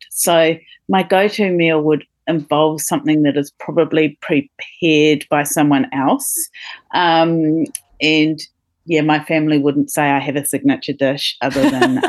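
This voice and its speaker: A middle-aged woman, a podcast guest, chatting casually with many pauses and fillers and laughing now and then. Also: low voice, dry recording. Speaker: podcast guest, company co-founder. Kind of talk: casual interview chat.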